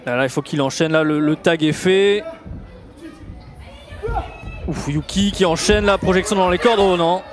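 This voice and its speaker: A man's voice: high voice, normal speed, pauses often. A man giving live wrestling commentary as the second commentator, reacting in short exclamations. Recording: loud event with music and crowd behind. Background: crowd and music.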